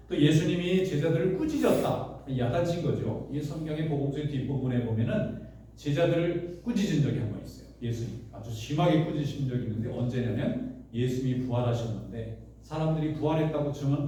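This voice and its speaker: A man's voice: a little high, warm tone, a little hiss or hum. A man who pastors a church, preaching a sermon in a conversational storytelling way with many rhetorical questions. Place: church sanctuary. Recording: echoey church hall, voice from a distance.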